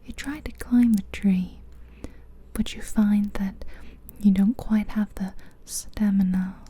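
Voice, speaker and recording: This is a soft-spoken ASMR guided visualization: a woman whispers soothingly and breathily, taking long, unhurried pauses. Her mid-range voice holds a steady tone, and she's recorded up close through an ear-to-ear ASMR microphone.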